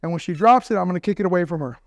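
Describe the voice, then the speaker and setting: A man's voice: high-pitched, lively intonation, rapid-fire, no room sound. A man, a dog trainer, explaining step by step how to teach a dog to bark on command, checking in with viewers as he works with his dog. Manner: upbeat coaching talk, often checks in with "right?" and "okay?"; praises and commands the dog mid-session. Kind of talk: instructional training video.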